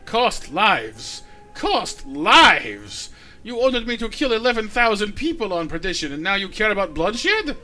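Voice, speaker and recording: An actress playing a proud, defiant young warrior daughter in a video game, speaking with intensity. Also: female voice, medium pitch, big pitch swings, unhurried, bright, forceful tone, soft background music. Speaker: game character.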